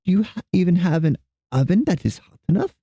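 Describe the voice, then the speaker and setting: A man's voice: sits high, expressive, mellow, slightly rough, no room sound, voice pushed up, full character voice. A man voicing a polite, clever young girl from a storybook. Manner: polite, quick.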